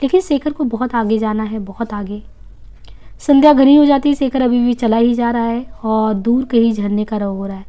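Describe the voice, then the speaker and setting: A woman reading a novel aloud at a steady pace, sometimes slipping and restarting a phrase. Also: a little high, moderate pace. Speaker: reader.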